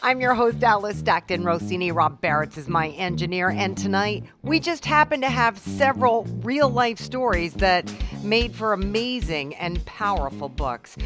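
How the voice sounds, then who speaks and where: A woman hosting a book club interview show, friendly and sympathetic as she introduces and questions her guest. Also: mid-range voice. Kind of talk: radio-style interview hosting.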